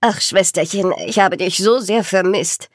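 A woman's voice: mid-range voice, unhurried, no room sound, clean studio sound, natural voice. A woman voicing an affectionate, somewhat theatrical older sister in an audiobook. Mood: doting. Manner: warm, doting, a little dramatic. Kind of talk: audiobook character dialogue.

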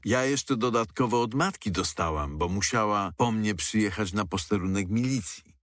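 A man voicing a sharp-tongued young woman who answers with irony and anger. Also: lowish voice, normal speed, no room sound, pitched above the performer's own voice, close to an everyday voice. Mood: bitter. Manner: ironic, angry.

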